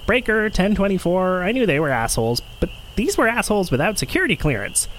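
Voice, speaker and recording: Actor voicing irreverent, chatty tech worker, very animated pitch. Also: fast, slight background noise. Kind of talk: audio drama acting.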